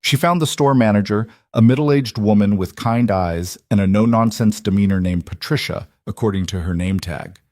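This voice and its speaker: A man narrates a scripted story in a measured, even delivery. His voice is low, and the recording is dry and close with no room sound. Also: no echo.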